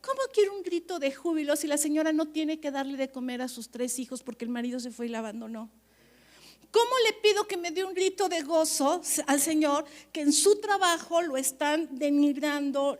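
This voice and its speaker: With a high voice, a woman pastor preaches at a leaders' conference. Her style is animated and chatty, and she frequently checks that the audience agrees with her.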